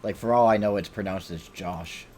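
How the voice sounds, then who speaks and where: Low-voiced man cursing through gameplay. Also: moderate pace, darkish tone, faint music behind. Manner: rambling, profane, self-talking. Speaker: game streamer. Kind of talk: casual gameplay commentary.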